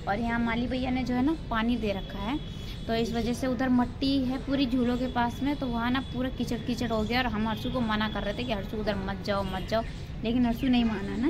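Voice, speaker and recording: A woman vlogger chatting casually with her viewers while out and about, filming on a handheld phone. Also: fairly high pitch. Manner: chatty, addresses viewers as friends. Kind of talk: casual vlog chat. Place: outdoors at a park and school gate.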